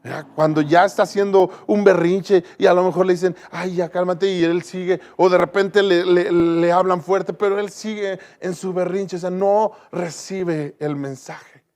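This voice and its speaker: A man's voice: sits high, steady tone, normal speed, hardly any pauses, a little mellow. A man preaching a sermon as pastor in a church, earnest and repetitive, often restarting his phrases.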